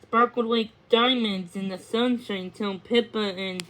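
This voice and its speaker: On a rough recording, a woman narrates a children's story with acted dialogue, her fairly high voice bright in tone, measured in pace, and fairly even in intonation. Occasionally she stumbles on a word and rereads it.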